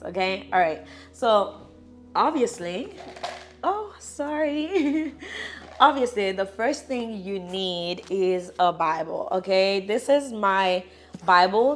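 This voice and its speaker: A young woman with a Nigerian accent, chatting casually and encouragingly as she walks through her Bible study tips. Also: mid-range voice. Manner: chatty, encouraging, lively asides. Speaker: vlogger.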